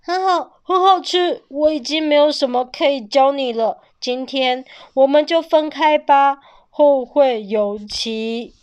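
一位女性在睡前故事中扮演一只外凶内柔的霸王龙爸爸，说话结结巴巴、嗓门更大。. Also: female voice, on the high side, a little slow, lo-fi sound, natural voice. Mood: solemn. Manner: stammering, louder blustering tone. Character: gruff but tender male tyrannosaurus father.

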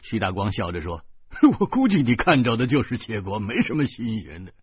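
A man voicing a middle-aged male driver who scoffs, chuckles and brushes others off in a gruff, low voice. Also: very animated, brisk, no room sound, highs cut off. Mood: scoffing.

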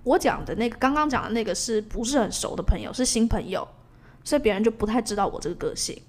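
A woman's voice: on the high side, lively intonation, fast talker. A woman co-hosting a podcast in casual chat with a friend, talking freely, laughing often and dropping English words into her speech. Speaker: podcast co-host.

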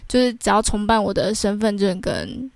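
Speaking at normal speed with lively intonation and some vocal fry, a young woman hosts a podcast and shares a personal story in a chatty manner. She has a Taiwanese Mandarin accent, ends sentences with filler words, and the recording is dry.

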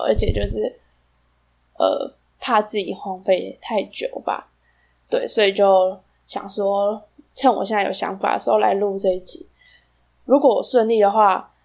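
A woman's voice: mid-range voice, creaky, darkish tone. Taiwanese woman podcasting, slightly slurred by braces. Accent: Taiwanese Mandarin. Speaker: solo podcast host. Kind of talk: casual podcast monologue.

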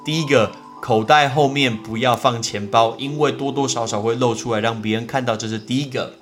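Lively man hosting a language podcast. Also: faint music behind. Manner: lively, swings pitch up when telling the story, slow when drilling words. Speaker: podcast host teaching English words. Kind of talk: casual storytelling and vocabulary lesson.

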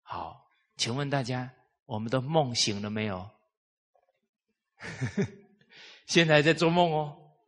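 A man giving a live lecture on traditional culture, telling lively stories and putting rhetorical questions to the audience. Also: fairly high pitch.

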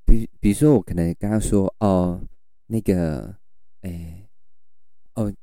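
A man's voice: low-pitched, a little slow, dry recording, clean studio sound. A man, a livestream seller telling stories in casual chat and acting out his customers. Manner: animated storyteller, acts out customers.

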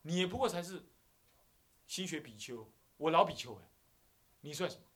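A man's voice: fairly high pitch, lively intonation, moderate pace, a bit bright. A man with a Taiwanese Mandarin accent voicing an arrogant senior man who lectures and bullies a newcomer, boasting of his rank. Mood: haughty. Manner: blustering, table-pounding.

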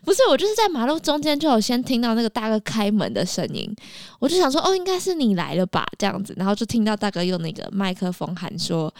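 A woman's voice: medium pitch, big pitch swings, fast, darkish tone, no echo, studio quality. Chatty woman co-host. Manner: chatty storyteller, giggles, acts out quotes. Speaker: podcast co-host and bus conductor. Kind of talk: casual podcast chat.

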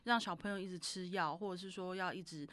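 A woman's voice: fairly low pitch, steady tone, fast, fairly bright tone, no room sound. A woman hosting and interviewing a guest, conversational as she asks questions on the listeners' behalf. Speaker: host.

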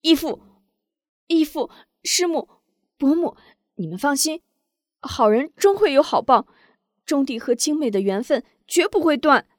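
An earnest young heroine from a storybook tale, as a woman narrator plays her. She speaks high and emphatic, pleading with a lively swing of pitch. The sound is close and dry. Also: a little slow, pauses often, no room sound. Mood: fervent.

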